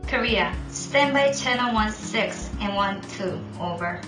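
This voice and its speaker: A woman's voice: medium pitch, expressive, a little slow. A woman playing a port control operator on a marine radio call, speaking in clipped, formal radio procedure. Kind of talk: scripted maritime radio role-play. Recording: echoey room with music underneath.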